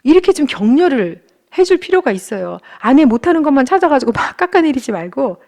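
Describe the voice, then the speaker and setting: A woman giving a church marriage-class lecture, speaking gently and acting out kind example phrases for husbands. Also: high voice, very animated, a little fast.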